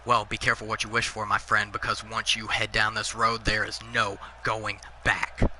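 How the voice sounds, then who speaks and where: A tough challenger wrestler issues threats in a bright, clear voice, as a gaming commentator reads him out. He makes no attempt at an accent, and the delivery stays plain and level. There is a light wash of noise behind him. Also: on the low side, completely flat delivery, moderate pace, rough recording. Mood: threatening. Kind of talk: reading in-game promo lines aloud.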